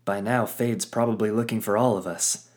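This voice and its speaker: A man's voice: fairly low pitch, steady tone, normal speed, voice pushed up, close to an everyday voice. A man voicing a weary, no-nonsense male ship captain. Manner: exasperated, commanding. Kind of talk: audio drama character acting.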